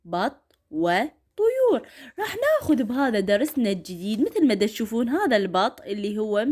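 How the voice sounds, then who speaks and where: A woman's voice: fairly high pitch, big pitch swings, a little mellow. Iraqi woman teaching children to read. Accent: Iraqi Arabic. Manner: slow, drawn-out syllables for children to repeat. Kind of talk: first-grade reading lesson.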